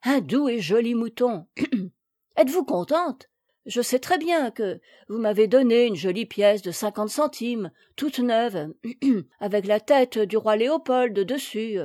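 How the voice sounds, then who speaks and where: A woman's voice: fairly high pitch, unhurried, darkish tone, no room sound, studio quality, lightly acted. A woman reader voicing a fussy, complaining housemaid in a storybook. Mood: grudging. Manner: scolding, complaining. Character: fussy scolding grown woman maid.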